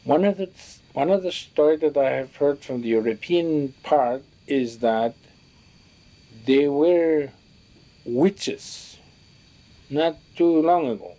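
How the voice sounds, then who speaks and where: Slow, mellow-voiced man recalling elders' stories. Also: mid-range voice. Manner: slow, halting, with frequent restarts and searching for words. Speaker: storyteller recalling teachings from elders. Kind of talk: reflective spoken recollection.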